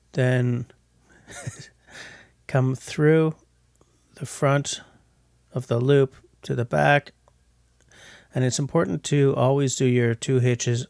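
With a gravelly, medium-pitched voice, this bushcraft vlogger in his forties narrates a casual vlog in a joking, self-mocking tone. The voice-over was made on a voice-over mic, not outdoors, giving a dry, studio-quality recording.

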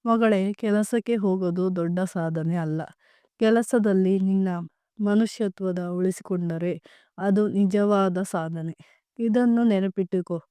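A woman's voice: medium pitch, a little slow, warm tone, clear, resonant tone, no room sound, lightly acted. A woman voicing a caring mother who soothes and reassures her daughter in a storybook tale. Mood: advising.

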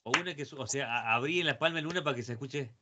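A man's voice: mid-range voice, very fast, very noisy. A man with an Argentine accent giving an online guitar lesson over a video call. He coaches the student and chants repeated syllables to count out rhythms. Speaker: guitar teacher. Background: guitar playing.

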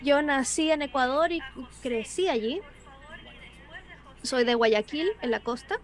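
High-voiced woman interpreting a panel. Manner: brisk, with small word restarts and self-corrections. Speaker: voice-over interpreter for an online panel. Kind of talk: live interpretation voice-over.

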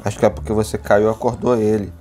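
A man with a Brazilian accent giving casual, playful gameplay commentary alongside a child, excitable and given to high-pitched whoops. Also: fast talker. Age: adult. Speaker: gaming video host playing alongside a child. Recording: music behind the voice.

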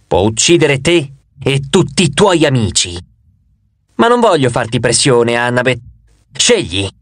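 A man reading an audiobook, voicing the gloomy face of a two-faced male god in a slow, deep, ominous tone. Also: big pitch swings, no echo. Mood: menacing.

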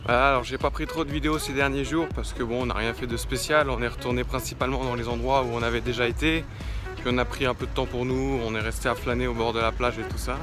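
A man's voice: medium pitch, fast. Young man, selfie phone vlog, easygoing chatter, music under the voice. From France. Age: 20s. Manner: relaxed chatty, lots of fillers. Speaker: vlogger. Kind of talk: casual travel vlog. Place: outdoors by the sea and in a camper van. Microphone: phone at arm's length.

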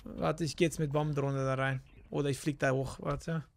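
A male gaming streamer chats casually during live gameplay in an indoor room at his gaming setup, grumbling, swearing and using slang. He has a mid-range voice with little pitch movement, normal speed and vocal fry. He uses a close-up desk microphone along with a headset, and a little hiss or hum is audible.

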